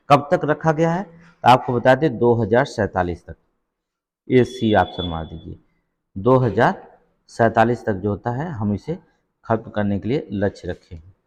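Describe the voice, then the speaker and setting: A man's voice: lowish voice, darkish tone. Man teaching exam quiz, repeats answers. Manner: reads questions then repeats answers, many "theek hai" checks. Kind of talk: exam-prep quiz lesson.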